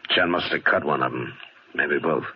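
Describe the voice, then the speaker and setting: An actor playing a calm, firm frontier lawman who speaks in a measured, commanding way, heard as an old AM radio broadcast in 1950s radio drama style. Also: rumbling low. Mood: grim. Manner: measured, plain-spoken, commanding. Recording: hissy, muffled vintage AM radio broadcast.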